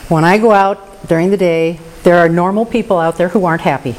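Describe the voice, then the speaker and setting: A recovery meeting member, a woman, gives a personal recovery share, candid and earnest with touches of self-deprecating humor. Her voice sits on the low side, steady in tone, brisk and a little mellow. The recording is rough.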